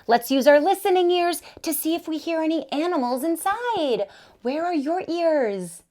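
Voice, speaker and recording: A woman's voice: very high voice, expressive, moderate pace, a little mellow, dry recording. A woman hosting a children's lesson in a playful, sing-song teaching style, with exaggerated, encouraging delivery and simple short phrases. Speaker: children's educator and show host.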